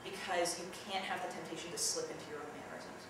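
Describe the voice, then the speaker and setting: A woman's voice: low voice, steady tone, quick pace. A young woman leading a theatre workshop, chatty and demonstrative, talking to a group of students. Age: young adult. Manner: chatty, demonstrative, jumps into loud yelled examples. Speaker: acting workshop leader. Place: large echoey room. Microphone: distant camera mic. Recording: echoey room from far off, noisy.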